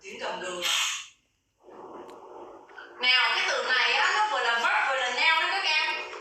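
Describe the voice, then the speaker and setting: A young woman teaching an online English lesson, explaining words and slowly modeling pronunciation. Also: high voice, big pitch swings, pushed and bright, recorded from a distance, a little hiss or hum. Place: room at home, neighbors noisy. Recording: echoey room, voice off-mic.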